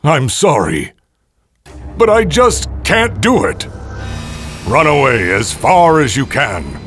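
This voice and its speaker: A man voicing a regretful hunter who speaks in a hushed, apologetic way. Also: medium pitch, huge pitch swings, takes it slowly, soft background music, exaggerated voice.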